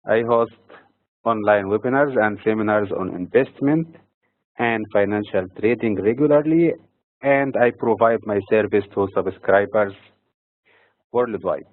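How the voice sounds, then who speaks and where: A man from Egypt delivering a scripted economic and financial markets commentary in a measured, read-from-notes manner. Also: fairly low pitch, dry recording. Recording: dry, tinny phone-like audio.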